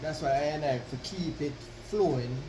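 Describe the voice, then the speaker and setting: A man using Rasta speech, deliberately proclaiming a devotional address to followers with pauses and emphatic declarations. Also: on the high side. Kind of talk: devotional address with reading of own written piece. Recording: roomy, distant mic, constant background noise.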